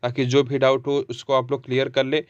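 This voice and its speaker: Man teaching grammar in a clear voice. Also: medium pitch, completely flat delivery, dry recording, muffled recording. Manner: reads word lists slowly, with short pauses; explains in Hindi, with occasional throat clearing. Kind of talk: video grammar lesson.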